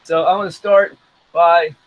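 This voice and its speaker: A man teaching an online science class with live demonstrations, telling stories in an animated way and acting out little scenes. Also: a little high, dull audio. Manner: animated storytelling, acts out scenes in quick asides.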